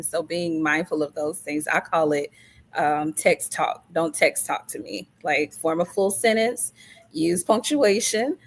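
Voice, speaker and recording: A woman hosting a panel discussion, affirming her guests and telling animated stories with laughter. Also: low-pitched. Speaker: host.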